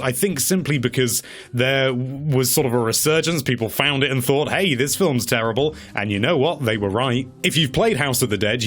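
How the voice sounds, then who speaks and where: As a video presenter, a man gives casual commentary with a very lively, swinging pitch. He comes across as chatty and wry, and his remarks carry a tongue-in-cheek edge.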